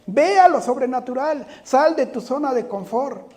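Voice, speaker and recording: A man's voice: very high-pitched, expressive, moderate pace, darkish tone. A man preaching a sermon, speaking earnestly, often putting rhetorical questions to the congregation and addressing them directly.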